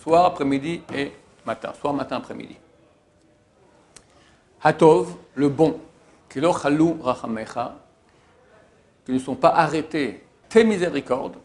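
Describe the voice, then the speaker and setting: A male rabbi teaches a prayer line by line, reading each Hebrew phrase and translating it into plain speech while stressing key words. His voice sits on the high side with a darkish tone, and he moves unhurriedly with long pauses.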